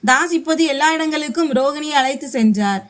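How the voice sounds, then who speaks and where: A woman's voice: high voice, brisk. A woman reading a scripted story aloud as narrator, giving the characters' quotes in her own voice.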